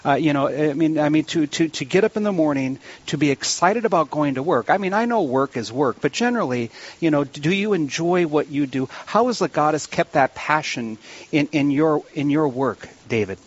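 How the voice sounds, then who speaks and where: A man's voice: a little high, expressive, normal speed. Male radio host, dull band-limited sound. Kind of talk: live radio round-table interview. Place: live remote broadcast from a church.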